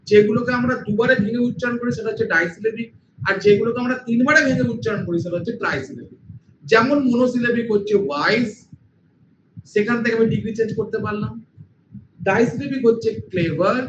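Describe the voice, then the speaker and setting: A man teaching an English grammar lesson, patient, repeating points and asking his students questions. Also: high voice. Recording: echoey room, dull lo-fi sound with noise.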